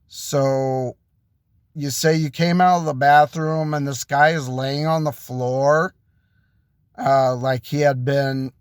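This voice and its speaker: A man's voice: medium pitch, a little mellow, smooth, no echo, close to an everyday voice. A man playing a puzzled police officer who stumbles through his questions with stops and restarts. It stays close to an ordinary speaking voice, recorded dry and close. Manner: hesitant, halting questions.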